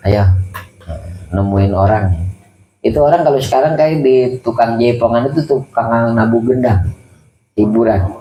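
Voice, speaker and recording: A man's voice: medium pitch, warm tone, a little hiss or hum. A man giving a casual sermon, explaining Arabic phrases line by line in a colloquial way. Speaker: religious teacher. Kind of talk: casual sermon teaching from a kitab. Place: mosque study gathering. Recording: roomy hall with faint ambience.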